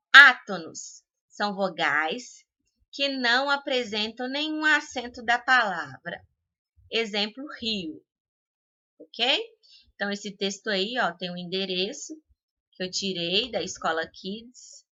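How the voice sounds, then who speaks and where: A woman's voice: medium pitch, sharp tone, highs cut off. A woman teacher with a Brazilian Portuguese accent giving a recorded school lesson, explaining patiently and stretching out example words.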